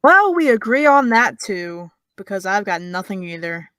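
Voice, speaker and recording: A woman voices Eve, a sardonic young American woman, in audio drama dialogue. Her mid-range voice moves at a moderate pace, sarcastic and cutting, with a dry, teasing deadpan.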